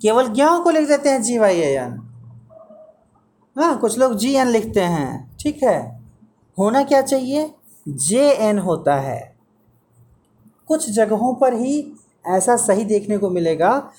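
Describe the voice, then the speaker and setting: A man's voice: high voice, big pitch swings, slow, long pauses, darkish tone, slight background noise. A man teaching Hindi pronunciation to a student one-on-one, patiently repeating sounds and correcting mistakes.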